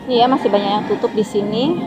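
Chatty Indonesian woman vlogger, a touch high, recorded on a phone outdoors with loud music behind. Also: fast, lo-fi sound. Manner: chatty, addresses viewers as friends. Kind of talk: casual walking tour vlog. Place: outdoors at a seaside mall.

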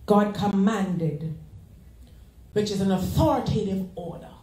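A woman associate pastor preaching a sermon, animated, with congregation call-and-response. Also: mid-range voice, a little slow. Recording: echoey church sanctuary.

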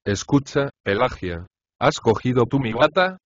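A man's voice: medium pitch, very animated, unhurried, dry recording. A man voicing a grumpy, sleepy middle-aged husband who grumbles at his wife and the servants in a storybook reading, on a dry, slightly dull recording. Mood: grumbling. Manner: grumbling and irritated.

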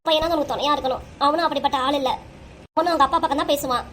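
A woman voice actor performs every figure in a cartoon's emotional, argumentative family quarrel. Her voice sits high and a bit bright, she speaks very fast, and there's slight background noise.

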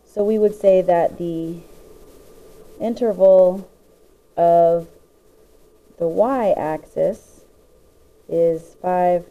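A woman's voice: lowish voice, very slow, pauses often, phone-quality sound. A woman teacher patiently explaining the parts of a graph, step by step, as she writes notes. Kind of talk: classroom lesson explaining graphs.

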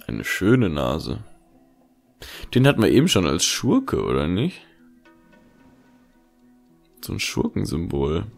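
A man hosts a casual let's play, muttering questions to himself. His lowish, creaky voice jumps around in pitch, with faint music behind. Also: wildly swooping pitch, a little slow, long pauses. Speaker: gaming video host.

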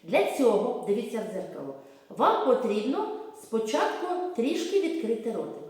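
A woman teaching a speech lesson to young children, speaking slowly and articulating each sound clearly so they can repeat after her, with a Ukrainian accent. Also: fairly high pitch, big pitch swings, a little mellow, far from the mic. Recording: echoey room, voice from away from the mic.

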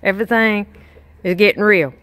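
A middle-aged Texas woman with a Southern accent vlogs casually on her phone camera, held in hand, outdoors by a chicken pen on her rural farm. She's folksy and full of fillers, speaking at normal speed in a medium-pitched, fairly bright voice.

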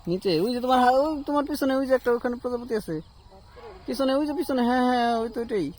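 A man's voice: very high-pitched, animated, quick pace. Man coaxing a toddler outdoors. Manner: coaxing, gentle, repetitive baby talk to a toddler. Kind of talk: casual family vlog. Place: outdoors in rural fields.

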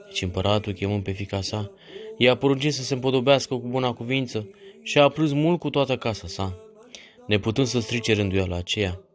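A man giving a solemn, measured devotional reading of a saint's legend. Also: mid-range voice. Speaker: reader of a saint's life.

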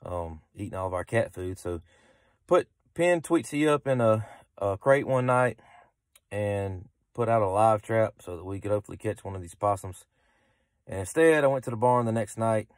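A man's voice: lowish voice, expressive, normal speed, no room sound, clean studio sound. A man, casually explaining a story to his phone camera from a parked car at night. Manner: easygoing, rambling with restarts. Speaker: vlogger. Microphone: phone camera held close.

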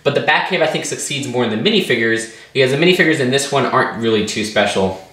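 A man's voice: medium pitch, lively intonation, fast, bright, forceful tone. A man giving a casual, upbeat toy set review, rambling with lots of fillers and small restarts. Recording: roomy echo.

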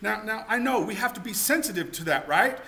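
A man in his forties giving an energetic keynote-style seminar talk to an audience in a meeting room, with emphatic delivery and many rhetorical questions, on a lapel mic. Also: high-pitched, brisk, creaky. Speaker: keynote speaker.

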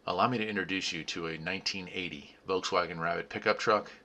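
Outdoors on the gravel by a garage, a man in his forties hosts a car restoration vlog, speaking fast in a low, steady voice. He's upbeat introducing the video to camera, then shifts to a quiet, reflective voice-over as he narrates a personal story.

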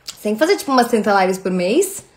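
A woman's voice: medium pitch, very animated, quick pace. A woman in her thirties with a Brazilian accent, chatting casually on a livestream and thanking viewers by name. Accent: Brazilian Portuguese. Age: 30s. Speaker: livestream host.

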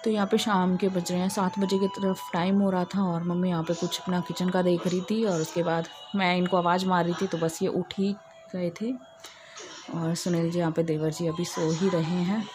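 A woman's voice: on the low side, little pitch movement, moderate pace, over music. A woman narrating her day in a casual home vlog, telling it in a chatty, rambling way. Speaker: vlogger.

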